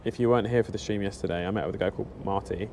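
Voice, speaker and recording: Talking rapid-fire in a fairly low, warm voice, a British man in his thirties chats casually and self-deprecatingly with viewers on his motorcycle live stream. He's outdoors at a café stop in central London, using a small action-camera mic on his helmet, with a little hiss or hum.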